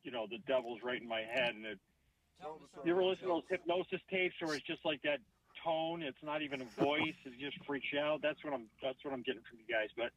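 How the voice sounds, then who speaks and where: A man's voice: mid-range voice, brisk, a bit bright. A stand-up comedian guest calling in by phone from his car, joking and self-deprecating, heard over a dull, lo-fi line. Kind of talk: casual podcast chat by phone. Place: parked car. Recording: muffled lo-fi phone call.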